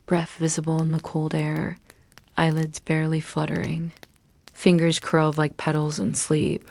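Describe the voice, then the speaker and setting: A woman narrating a bedtime story in a soft, hushed, soothing voice, gently and with long pauses. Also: low-pitched, vocal fry, no echo. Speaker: narrator of bedtime history stories.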